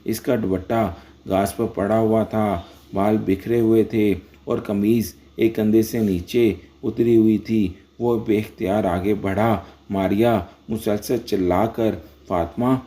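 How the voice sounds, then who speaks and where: A man narrating a dramatic story in a steady, scripted reading. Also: fairly low pitch.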